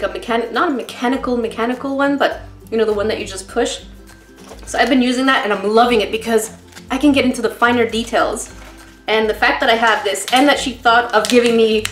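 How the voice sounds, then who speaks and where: Woman vlogger, higher voice, emotional rambling unboxing chat in a roomy space with soft music behind. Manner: rambling, chatty, laughs often. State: tearful, emotional.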